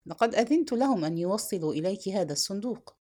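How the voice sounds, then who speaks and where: A woman's voice: mid-range voice, animated, very fast, warm tone, close to an everyday voice. A woman reading the part of a proud young king, lovesick and stung, who answers with stern, scornful retorts. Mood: guarded.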